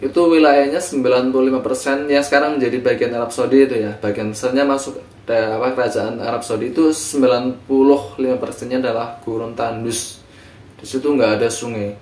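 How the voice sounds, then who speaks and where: A man's voice: medium pitch, a little fast. Male lecturer, casual and hesitant delivery, heard from across an echoey room. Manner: relaxed, conversational, frequent fillers and self-corrections. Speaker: teacher. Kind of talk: informal history lecture. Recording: echoey room, recorded from a distance.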